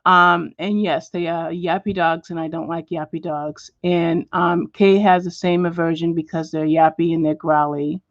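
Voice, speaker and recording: A woman hosting a home livestream as she colors. She chats with viewers and answers them by name, and now and then she drops to a soft whisper. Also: lowish voice, level tone, normal speed, hardly any pauses, no echo, lo-fi sound. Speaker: livestream host. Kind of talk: casual chat while coloring, reading viewer comments. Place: at home, indoors.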